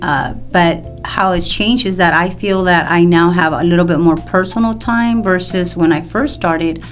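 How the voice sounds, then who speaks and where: This is a Salvadoran woman in her fifties, a mortgage loan professional appearing as a podcast guest. Her voice is lowish and her pace normal, and she explains things at length in a conversational way while music plays behind her.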